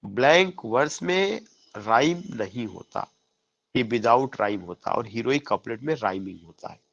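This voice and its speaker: A man's voice: mid-range voice, lively intonation, normal speed, gravelly, a bit bright, lo-fi sound. A man teaching English literature for an exam, mixing Hindi with English terms and answering his own questions to drill key points. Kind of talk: exam-prep lecture.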